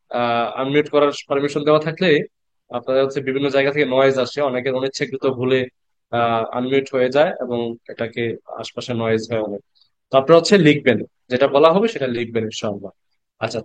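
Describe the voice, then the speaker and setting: A man teaching Quran reading in an online class, patiently repeating letter sounds slowly and asking the class questions. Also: medium pitch, clean tone, no room sound. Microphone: computer mic on a video call.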